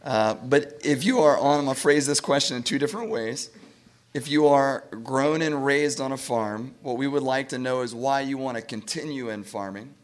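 A man with a scratchy voice moderating a panel discussion in a relaxed, conversational way. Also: medium pitch, moderate pace. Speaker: panel moderator, farm manager.

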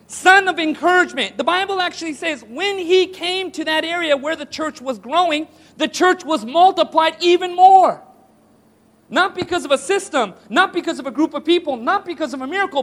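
A man's voice: extremely high pitch, a bit bright. A man preaching a sermon to a congregation, asking rhetorical questions and calling for responses. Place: church hall with audience.

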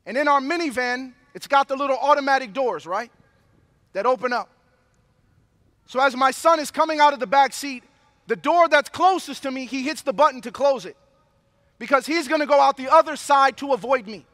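Very high-voiced, bright male preacher. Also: normal speed, dry recording, studio quality. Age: adult father of young children. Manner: impassioned preaching mixed with personal storytelling. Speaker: pastor. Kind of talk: sermon.

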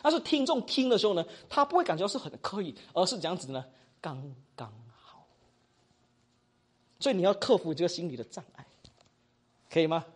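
With a high-pitched voice, brisk delivery, long pauses, and strongly rising and falling intonation, a male preaching instructor from Malaysia teaches a class in Malaysian-accented Mandarin. He's animated and chatty, ending phrases with "哈."

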